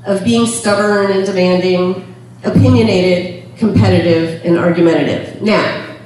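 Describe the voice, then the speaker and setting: A middle-aged woman giving a chatty talk to an audience, laughing often and filling pauses with ums. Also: fairly low pitch, a little mellow. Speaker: speaker on temperament. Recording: echoey room from far off.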